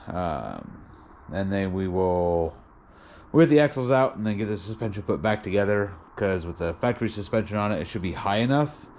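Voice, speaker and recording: A man with a fairly low voice talks casually through his car work. He sounds sedated and tired, with a drowsy, halting delivery. There is faint noise around him as he speaks. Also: a little mellow. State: tired and drugged on muscle relaxers. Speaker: car vlogger and home mechanic. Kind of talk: casual vlog commentary.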